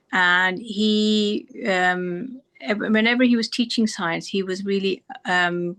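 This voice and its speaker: Speaking in a mid-range, fairly bright voice, a middle-aged woman doctor from Pakistan gives thoughtful answers as an interview guest. Her replies are full of restarts and fillers.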